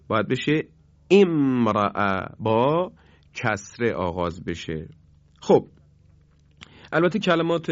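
Male recitation teacher for a broadcast lesson: patient, says examples slowly, dry and slightly dull sound. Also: medium pitch, no echo. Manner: patient, repeats each example slowly and clearly.

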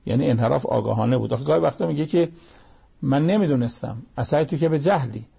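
A man's voice: medium pitch, vocal fry, warm tone, husky. A man preaching a sermon, reciting Arabic verses, explaining them, and pressing listeners with pointed rhetorical questions.

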